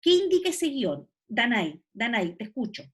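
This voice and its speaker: A woman, voice sitting a bit high, lectures a class over a video call. She explains step by step and keeps checking that her students follow along. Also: sing-song, moderate pace. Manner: explanatory, checks understanding with "¿cierto?" and "¿ya?". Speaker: teacher.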